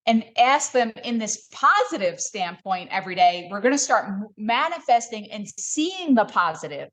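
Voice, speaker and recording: A woman hosting a wellness podcast, talking in a calm, coaching way in casual chat. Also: medium pitch, normal speed. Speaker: podcast host, wellness doctor.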